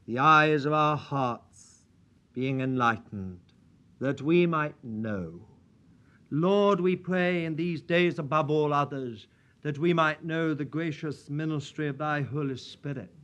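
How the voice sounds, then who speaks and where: A man preaching in a church, praying and reading scripture in a solemn, measured way at a pulpit microphone. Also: fairly high pitch, a bit bright. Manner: solemn and measured, old-fashioned prayer wording. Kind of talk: sermon with prayer and scripture reading.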